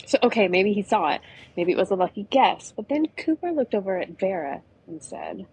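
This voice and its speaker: A woman narrating an adventure in a relaxed, chatty way, often slipping in "you know". Her voice is husky and middle-pitched. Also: fairly quick, low-quality recording. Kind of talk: storytelling narration.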